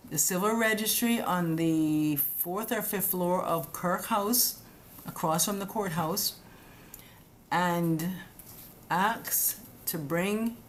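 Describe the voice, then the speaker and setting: This medium-pitched woman is hosting a live stream, recorded on a webcam or phone with slight background noise. Answering comments casually, she lays out immigration rules in a chatty, direct, scolding tone and addresses her audience as guys.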